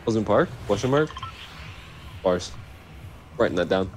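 A man's voice: on the low side, animated, measured pace, loud music behind the voice. A teenage boy in a gaming voice chat, joking around with mock-announcer bits and giggling. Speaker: gamer in voice chat. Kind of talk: casual gaming banter.

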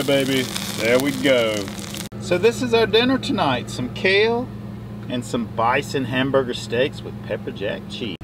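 A man, chatting folksily to the camera while he cooks in his truck cab and fuels up at a truck stop. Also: a little high. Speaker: trucker vlogger. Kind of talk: casual cooking vlog. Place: truck sleeper cab, later outdoors at a fuel stop. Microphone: handheld camera close up. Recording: noisy truck and road ambience.

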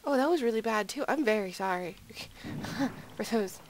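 A woman's voice: on the high side, expressive, normal speed, rough recording. Woman, sleepy late-night game commentary, rambling and giggly, faint hiss behind. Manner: rambling, giggly, self-deprecating. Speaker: gaming video creator. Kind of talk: casual gameplay commentary.

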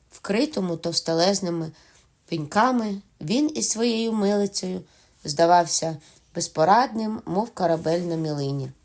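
Woman reading a storybook aloud, lowish voice, calm and steady. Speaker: audiobook narrator. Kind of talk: scripted narration of a novel.

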